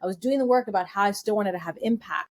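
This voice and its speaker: A woman's voice: mid-range voice, quick pace. A woman guest on a podcast interview, earnestly telling a personal story and piling up phrases in emphatic lists. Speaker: guest nutritionist.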